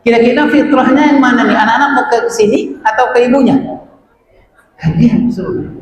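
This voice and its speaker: A man with a notably high voice delivers a lively seminar talk, turning to the audience again and again. He slips into short acted-out exchanges. The sound is strongly echoey, with a long hall reverb and faint noise. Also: a little fast. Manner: addresses audience often, acts out dialogues. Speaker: parenting seminar speaker.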